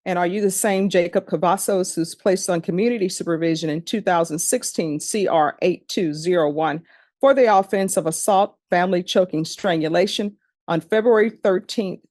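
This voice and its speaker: A woman judge in a courtroom recording, formally reading case numbers and charges in a measured, procedural way. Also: fairly low pitch, darkish tone, dry recording, clean studio sound. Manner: measured, procedural, repeats formulaic questions.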